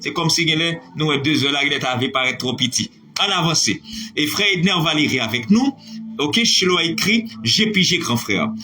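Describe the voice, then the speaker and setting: A man's voice: a little high, lively intonation, normal speed, pushed and bright, soft background music. A man teaching a live online French lesson, spelling words out letter by letter, praising his students by name.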